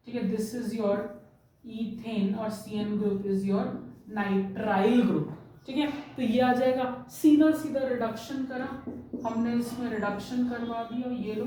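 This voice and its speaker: A woman from India teaching a chemistry lesson in a mix of Hindi and English, drawing out technical terms slowly as she writes. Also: a little high, mellow, slight background noise. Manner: slow, stretches out technical terms while writing. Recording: very echoey room, voice far from mic.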